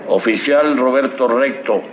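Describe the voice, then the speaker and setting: A man's voice: medium pitch, measured pace, background noise, natural voice. An actor voicing a bossy, teasing male police chief in a cartoon, commanding and playful, with music behind him. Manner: commanding, playful, wordplay on a name. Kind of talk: cartoon voice acting.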